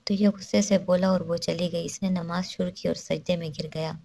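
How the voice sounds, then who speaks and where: A woman's voice: lowish voice, fairly even intonation, vocal fry, mellow, a little hiss or hum. A woman narrating a romance novel aloud, reading every character in her own voice with little change. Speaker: novel reader.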